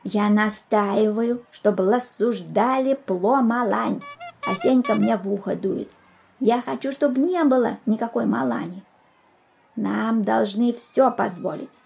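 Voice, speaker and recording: A woman voicing a plump, stubborn schoolboy who lisps and pouts, speaking slowly. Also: a little high, vocal fry, darkish tone, faint music behind. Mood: sulky insistent. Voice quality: lisping, says l for r. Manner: slow, pouting delivery.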